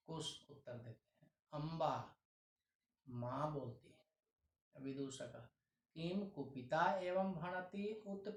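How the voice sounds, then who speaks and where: A man with a Hindi accent teaches a Sanskrit lesson at a slow, careful pace. He reads each line, then goes over it in plain words. His fairly high voice sounds a little echoey, as if he is in a bare room.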